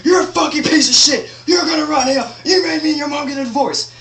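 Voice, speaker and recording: A man's voice: very high-pitched, fast, crowd noise, voice pushed up. A man acting out a screaming enraged father. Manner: screaming insults. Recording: roomy echo, distant mic, faint hum.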